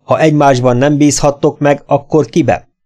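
A man voicing a stern adult male instructor at a boys' boarding school, barking harsh orders loudly in a raised voice. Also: fairly high pitch, fairly even intonation, voice pushed up, natural voice. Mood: stern shouting. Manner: barks orders, harsh and commanding.

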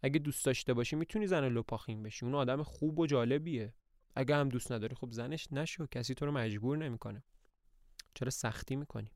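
A man's voice: mid-range voice, a little mellow, dry recording, studio quality, close to an everyday voice. A man reading aloud voices an anxious aristocratic older woman who owns the estate, speaking in a plaintive, sighing way. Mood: soothing.

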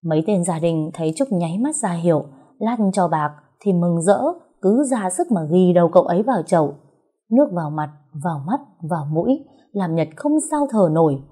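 A young woman tells a story with steady, expressive narration. Her voice sits low and dark, with a husky edge. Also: moderate pace.

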